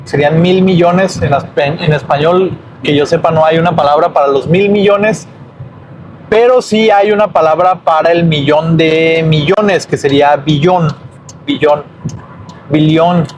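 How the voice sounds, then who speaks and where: A man teaching numbers in a casual video lesson, slow and hesitant, often correcting himself. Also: a little high. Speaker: language teacher. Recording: faint background noise.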